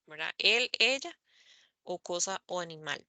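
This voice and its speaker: A woman teaching English grammar in an online class, speaking slowly and carefully, spelling out letters and repeating examples. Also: fairly low pitch, expressive, sharp tone, no room sound. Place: online meeting recording.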